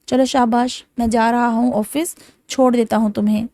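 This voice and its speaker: A young man who is both firm and tender with his sister. A woman voices him in her own fairly high, mellow reading voice, dry and close to the mic. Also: flat delivery, dry recording, lightly acted. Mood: firm, affectionate. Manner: firm then gentle. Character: caring older brother, young man, firm but affectionate.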